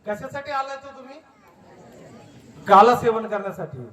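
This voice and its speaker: High-voiced man preaching from afar. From Maharashtra, India. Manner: preaching with rhetorical questions to the crowd. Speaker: kirtan preacher. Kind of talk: devotional sermon. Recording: echoey, distant mic with faint music.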